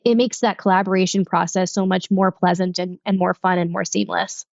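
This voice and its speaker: A woman's voice: lowish voice, level tone, fairly quick, vocal fry, no room sound. A woman physician speaks as a podcast guest in a mid-range voice, enthusiastic and encouraging. Her audio is dull and dry. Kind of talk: podcast interview.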